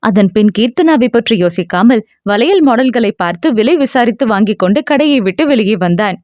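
A woman narrating a novel in a steady storytelling manner. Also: on the high side, a little fast, no room sound, dull audio. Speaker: audiobook narrator. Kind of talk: scripted narration.

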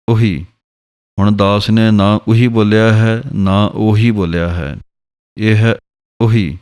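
A man with a Punjabi accent, teaching scripture pronunciation in a slow, patient way and spelling out each syllable. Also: on the low side, darkish tone, smooth. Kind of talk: slow, careful pronunciation lesson.

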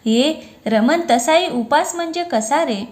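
A woman's voice: high-pitched, lively intonation, slow, voice pushed up. A woman voicing a boisterous young man scolding and joking with his old friend in a read-aloud story. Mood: bantering. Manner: scolding banter, loud and friendly.

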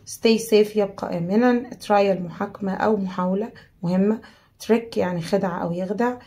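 A woman's voice: mid-range voice, moderate pace, dark tone. A young woman with an Egyptian Arabic accent, teaching secondary school students English vocabulary word by word and mixing English terms into Arabic. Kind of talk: vocabulary lesson.

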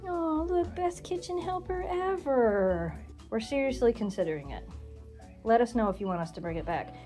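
A woman in her forties talks casually to a handheld phone camera in her home kitchen. Her fairly high voice swings up and down in lively, playful questions. Faint music plays underneath. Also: moderate pace. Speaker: vlogger filming at home.

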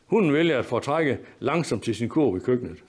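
Male reader, wry storytelling narration, mid pitch. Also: expressive, darkish tone. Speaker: lecturer reading his own story. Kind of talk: reading a humorous story aloud.

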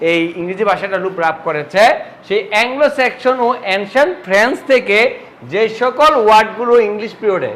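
Man, high voice, classroom pronunciation lesson, asks and answers his own questions. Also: a bit bright, poor audio. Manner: repeats questions and answers them himself. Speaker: English teacher.

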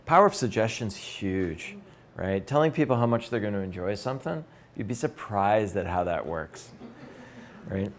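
A Canadian man in his fifties, a beer educator, leads a tasting seminar in a brewery room, caught by a camera across the room. His voice is on the low side and animated at a normal speed, with slight hiss or hum. He sounds conversational and enthusiastic, gesturing as he talks.

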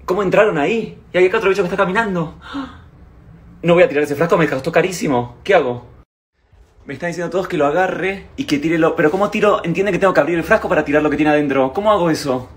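Here the Argentine social media vlogger, a man in his thirties, talks fast in a fairly high voice with a roomy sound. Chatting casually with followers indoors at home, mostly in the kitchen, he is exclamatory and dramatic and often repeats himself. The noisy recording comes from a handheld phone held at varying short distances.

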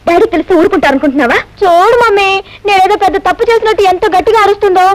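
A woman playing a lively, argumentative young woman in film dialogue. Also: extremely high pitch, rapid-fire, rough recording. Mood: indignant.

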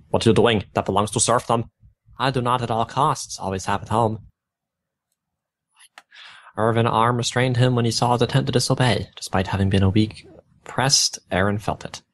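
A young man reads fan fiction aloud on a gaming video, tripping over garbled phrasing and stopping for bemused side comments. His voice is fairly low and a bit quick.

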